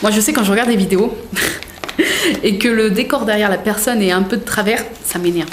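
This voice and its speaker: A woman's voice: medium pitch, a little fast, background noise. Gushing young woman in a roomy room. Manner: gushing, chatty, full of fillers. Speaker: vlogger. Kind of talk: casual unboxing chat.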